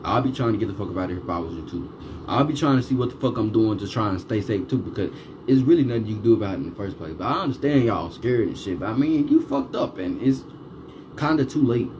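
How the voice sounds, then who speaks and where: A man with a fairly low voice talks fast on a muffled recording with constant background noise. He's a vlogger in full rant mode, swearing heavily and asking one rhetorical question after another.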